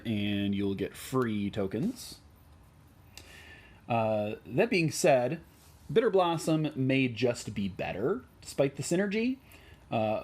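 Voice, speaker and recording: A deck tech host with a mid-range voice talks through why he picked the cards in his deck. He has a Midwestern American accent and keeps it relaxed, with plenty of ums and uhs.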